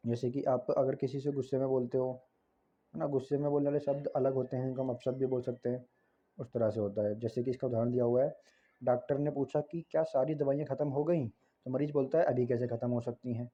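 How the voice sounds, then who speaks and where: A man's voice: mid-range voice, little pitch movement, fast talker. Casual Hindi tutor man, lo-fi recording. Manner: conversational, frequent tag questions and self-corrections. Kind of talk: casual explanatory lesson.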